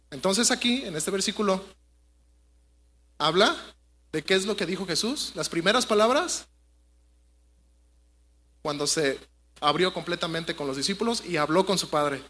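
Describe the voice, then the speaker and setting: A man's voice: high-pitched, bright, forceful tone. A man preaching a sermon to his congregation in a conversational way, often asking them rhetorical questions. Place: church.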